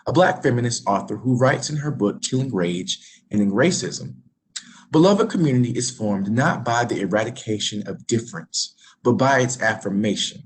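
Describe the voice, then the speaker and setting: A man opens a panel discussion with prepared remarks, measured and formal. His voice sits a bit low. Faint background noise runs under him. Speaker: moderator.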